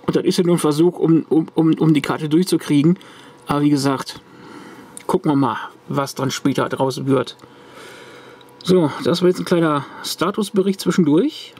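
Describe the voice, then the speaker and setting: A retro computer hobbyist at his home workbench casually holds a corroded circuit card up to the camera, rambling with restarts and fillers in a show-and-tell vlog. His voice is a little high and a little mellow, slightly rough, and he talks at a moderate pace.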